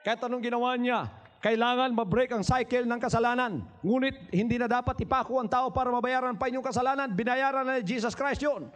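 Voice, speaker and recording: A man preaching a sermon in Taglish, repeating words for emphasis, swinging from quiet asides to shouted cries, and firing questions at his congregation. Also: very high-pitched, steady tone, fast talker. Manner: asks the crowd rhetorical questions. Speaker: pastor.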